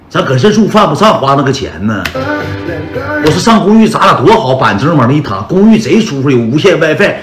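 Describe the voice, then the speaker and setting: Speaking at medium pitch, a man with a Northeastern Mandarin accent shares his personal story during a livestream. His style is chatty, and he keeps hailing the audience as brothers, while the recording has a roomy echo and loud background music.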